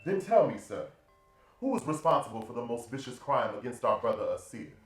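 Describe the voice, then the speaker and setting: A man's voice: mid-range voice, sing-song, close to an everyday voice. Man as a stern judge god. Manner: measured, questioning like a judge. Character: stern, impartial male god presiding as judge. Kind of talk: stage drama performance. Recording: roomy stage with faint music.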